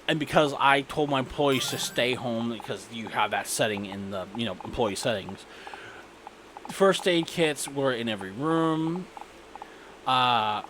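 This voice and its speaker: Over background noise, a medium-pitched man narrates his gameplay as a gaming video creator. His commentary is casual and rambling, full of stories, irreverent and sweary.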